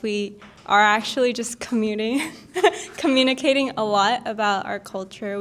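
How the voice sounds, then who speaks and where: A lively woman from Taiwan co-hosts a live podcast talk in a classroom. Her voice sits at a mid pitch and she keeps it loose and conversational. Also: a little hiss or hum. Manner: lively, laughs between words. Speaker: podcast co-host. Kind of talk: unscripted talk to a live audience.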